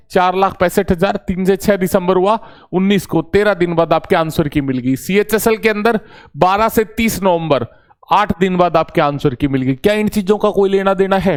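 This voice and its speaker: A young man with a fairly high voice talks to exam aspirants like a coaching teacher. He is familiar and reassuring, often calling them brother. His has a lilt. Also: smooth. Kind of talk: casual exam-update talk to students.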